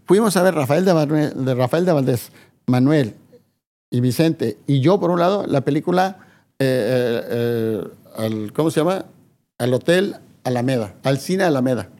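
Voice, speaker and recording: A man's voice: mid-range voice, animated, normal speed, mellow. An older man, a father chatting with his son and recalling old stories, often trailing off and starting over. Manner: rambling storyteller, trails off and restarts. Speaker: guest, father of the host. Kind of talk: casual reminiscing chat.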